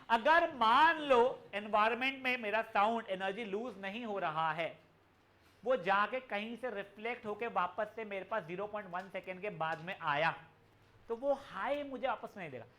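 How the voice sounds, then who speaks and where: A young man teaches physics to students in an online class. His voice sits high and sounds bright. He explains in a chatty mix of Hindi and English and calls the students "beta". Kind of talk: live online class lecture.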